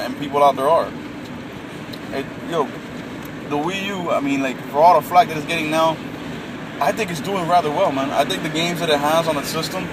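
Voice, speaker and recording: A man in his late twenties ranting casually about gaming, calling everyone man and bro, with a lot of fillers. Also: a little high. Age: late 20s. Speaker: gaming vlogger. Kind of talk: casual rant to camera. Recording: distant mic with loud traffic and air conditioning. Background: vehicle and urban noise.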